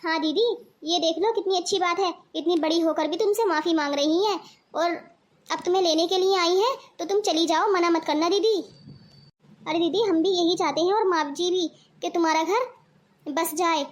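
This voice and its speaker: A woman voicing a calm, sensible young daughter-in-law in a cartoon. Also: very high-pitched, normal speed. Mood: persuading. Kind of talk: cartoon voice acting.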